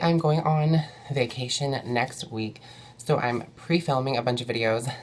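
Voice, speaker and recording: Woman, nasal from a cold, very low voice, chatty beauty vlogger, fillers, faint hiss. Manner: chatty, many fillers and self-corrections. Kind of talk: casual makeup tutorial talk.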